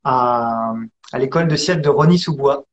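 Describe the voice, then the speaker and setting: A man from France telling his story as an interview guest, hesitant with many pauses and restarts. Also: medium pitch, highs cut off. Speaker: interview guest, acrobat and actor.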